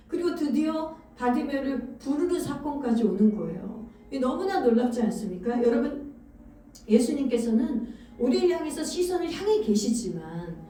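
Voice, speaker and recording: A woman's voice: high voice, mellow, far from the mic. Fervent woman preaching in an echoey hall. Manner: fervent, rhetorical questions to the congregation. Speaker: pastor. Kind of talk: sermon. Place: church sanctuary.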